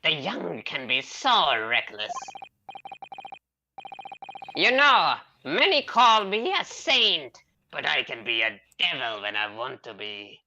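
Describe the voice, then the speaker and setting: A woman's voice: low-pitched, sing-song, slow, background noise, heavily acted. A woman voicing a smug, scheming male prosecutor in a fan voiceover of a game, gloating and menacing. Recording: game music behind. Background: game music.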